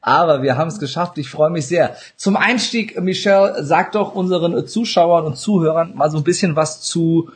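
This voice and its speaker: A man with a fairly high-pitched voice hosts a conversational interview. He puts his questions in a friendly, informal and slightly hesitant way. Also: normal speed, hardly any pauses. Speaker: interviewer, host.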